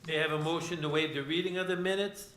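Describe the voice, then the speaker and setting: Male meeting chair, American, formal procedural delivery, higher-pitched, in an echoey room. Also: fairly even intonation, fast talker, a bit bright. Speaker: council president chairing meeting. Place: indoor council meeting.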